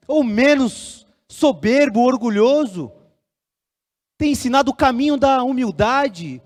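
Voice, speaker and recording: A man preaching a Sunday sermon, telling a personal story and acting out the dialogue with lively energy. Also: very high voice. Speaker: pastor. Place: church hall. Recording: long church hall reverb.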